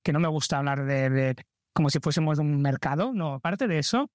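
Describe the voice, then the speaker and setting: A man's voice: a little high, a little fast, no room sound, clean studio sound. A man from Barcelona with a Spanish accent, a travel creator earnestly answering interview questions about travel. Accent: Spain. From Barcelona, Spain. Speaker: travel content creator and trip organizer.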